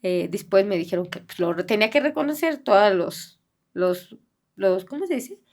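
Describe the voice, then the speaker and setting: A middle-aged woman speaking in a halting, soft-spoken way, with many fillers and restarts, as a bereaved mother giving an interview. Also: mid-range voice, expressive. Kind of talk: personal testimony in an interview.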